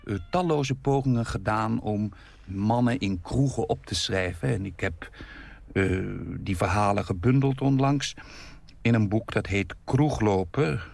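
A man's voice: lowish voice, a little slow, vocal fry, darkish tone, dry recording, soft background music. A male author introducing his own story in a hesitant, wry way.

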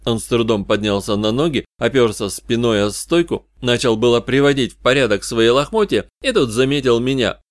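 A man narrating a first-person detective audiobook in an even, wry, measured way. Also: medium pitch, no room sound, studio quality. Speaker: audiobook reader.

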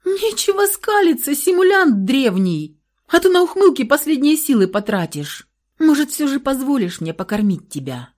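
A woman voicing a hot-tempered young woman who is frantic and stubborn, with shrill, hysterical outbursts, in an audiobook reading. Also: very animated, normal speed, warm tone. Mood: desperate.

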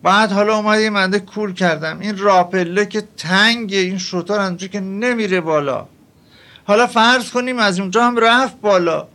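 A man's voice: high-pitched, bright, forceful tone. An older man voicing a reluctant male disciple who argues with his master, told within a lecture. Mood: objecting. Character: reluctant grown male disciple, full of excuses.

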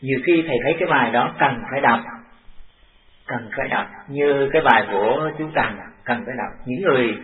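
An older man, a monk, giving a dharma talk to a class in a halting, deliberate way that repeats phrases. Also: mid-range voice. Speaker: monk teacher. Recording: distant, echoey, tinny lo-fi tape.

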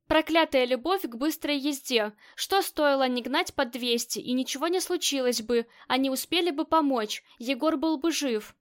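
A woman narrating a crime novel as an audiobook, with steady, even storytelling. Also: sits high, normal speed, few pauses. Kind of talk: scripted narration.

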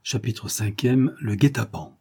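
A man narrating an audiobook of a classic novel in a measured, theatrical storytelling manner. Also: lowish voice, vocal fry, a little mellow, slightly rough. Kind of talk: scripted narration.

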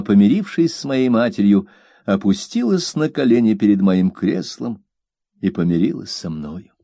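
A man narrating a novel in the first person, in an even, measured way. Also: fairly low pitch, dry recording, clean studio sound. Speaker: audiobook narrator.

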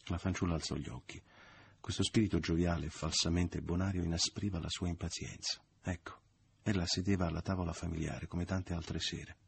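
A man narrating a classic novel as an audiobook, in a measured, subdued and expressive reading. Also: low voice, vocal fry, breathy edge.

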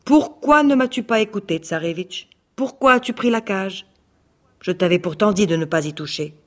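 Fairy-tale grey wolf, wise and gruff, put on by the storyteller, plain storybook reading. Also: medium pitch, moderate pace, natural voice. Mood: scolding. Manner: stern but kindly, scolding. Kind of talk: read-aloud fairy tale.

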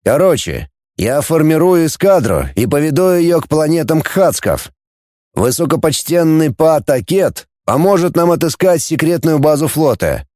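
A man voicing a gruff, mocking male fleet commander who barks orders, in an audiobook. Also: on the high side, very animated, moderate pace, dark tone, dry recording, studio quality, pitched above the performer's own voice. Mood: commanding. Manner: barking orders, sneering.

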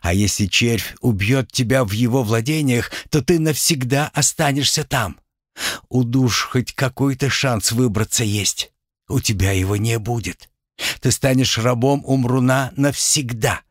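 A man voicing an anxious, tender young witch who pleads in an urgent, hushed way. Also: mid-range voice, unhurried, no echo, studio quality, voice pushed up, lightly acted.

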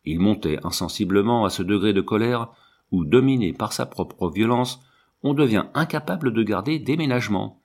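A man reading a classic novel aloud in a measured, expressive narration. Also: fairly low pitch, slightly rough. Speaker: audiobook reader.

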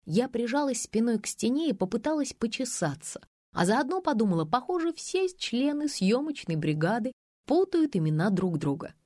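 A woman narrating a comic first-person audiobook with wry, deadpan humor. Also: fairly high pitch, moderate pace, no echo, studio quality.

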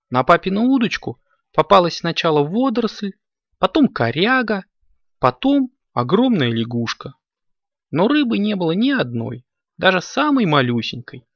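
A man narrating a children's audio fairy tale in a lively, expressive reading voice, on a dull lo-fi recording. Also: mid-range voice, vocal fry, dry recording. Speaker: storyteller.

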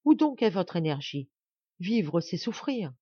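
A woman's voice: on the low side, very animated, measured pace, mellow, breathy edge, no echo, full character voice. A grave priest who urges and commands with earnest firmness, as read by a woman in an audiobook. The recording is dry with a slightly muffled top end. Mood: imperious. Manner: firm, earnest exhortation. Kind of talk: audiobook dialogue reading.

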